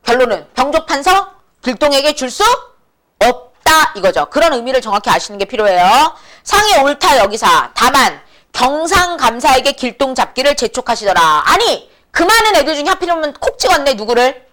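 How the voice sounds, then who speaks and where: Brisk woman lecturing on classic prose. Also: high voice, sing-song, a bit bright. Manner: brisk, colloquial, answers her own questions. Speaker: Korean literature teacher. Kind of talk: lecture with call-and-response questions.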